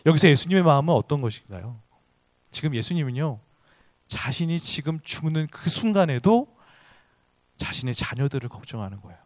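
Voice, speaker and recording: Male pastor, sermon. Higher-pitched voice, swoops up and down, earnest and emphatic, dry close sound. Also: sing-song, brisk, dry recording. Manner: earnest, emphatic preaching with rhetorical questions.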